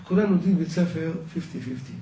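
An older man delivers a sermon, weaving emotional family stories into his lesson and turning to the audience again and again. His voice is mellow and dark, with a slightly raised pitch. He stands some distance from the microphone, and the room echoes noticeably around him. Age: 60s. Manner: emotional storyteller addressing the audience as "gentlemen". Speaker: rabbi giving a lecture. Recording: echoey room, speaker away from mic.

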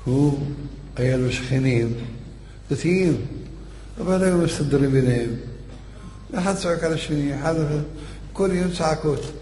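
A man's voice: a little high, pauses often, dark tone. A man giving a eulogy sermon, telling a story in an emphatic, fervent way. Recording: echoey hall, faint background noise.

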